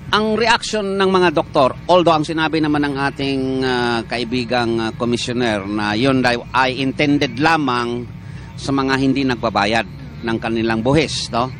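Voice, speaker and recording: A man with a Filipino accent, a doctor guest on a morning TV show, explaining in a measured way with many "ah" fillers. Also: medium pitch, a bit bright, faint music behind. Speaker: doctor of a medical association, guest. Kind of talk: morning TV interview.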